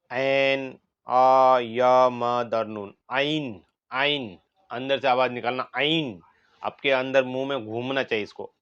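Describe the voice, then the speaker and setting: A man's voice: mid-range voice, fairly bright tone, clean tone, lo-fi sound. A man teaching a lesson on Quran letter pronunciation, drawing out each letter sound and repeating it for students.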